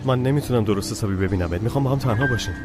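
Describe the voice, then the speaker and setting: A man's voice: medium pitch, music in the background, natural voice. An actor playing a lovesick young man who pleads and coaxes his girlfriend in a TV drama. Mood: coaxing. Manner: pleading, coaxing. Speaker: young lover. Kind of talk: TV drama dubbed dialogue.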